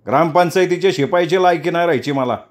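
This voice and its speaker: A man voicing a brash, loud middle-aged politician who mocks and scolds. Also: fairly high pitch, quick pace, voice pushed up, close to an everyday voice. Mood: scornful. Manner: loud, scornful, teasing.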